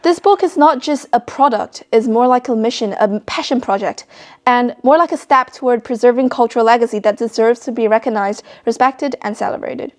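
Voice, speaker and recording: In this interview, a high school student author talks about her own project at a slightly fast clip. She's a teen with a high voice, originally from China and later based in Australia.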